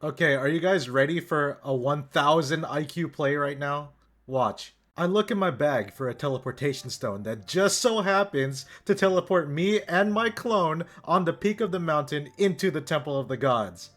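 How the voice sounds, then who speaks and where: A man's voice: fairly high pitch, expressive, moderate pace, a bit bright. A young man casually recounting a chatbot tabletop game, swearing and talking straight to viewers. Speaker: YouTuber. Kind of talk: comedic gaming story commentary.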